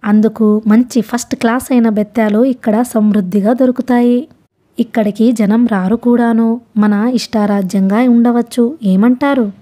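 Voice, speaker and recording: A woman's voice: fairly high pitch, steady tone, normal speed, dark tone, lightly acted. A woman voicing a grandiose, fawning old male hermit who rambles on without stopping. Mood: eager rambling. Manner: rambling nonstop, fawning then boastful.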